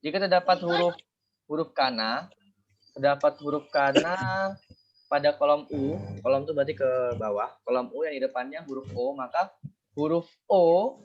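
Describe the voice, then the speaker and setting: A man's voice: fairly high pitch, moderate pace, dull audio. Guru pria bersuara rekaman kusam. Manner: explains step by step, self-correcting often. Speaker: Japanese language teacher. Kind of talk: online class lesson.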